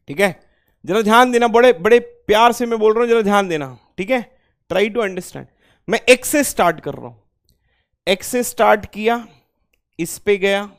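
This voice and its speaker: This man's voice is high and clean-toned. Lecturing a class, he asks his students questions and supplies the answers himself, slipping in English phrases and going over key points more than once.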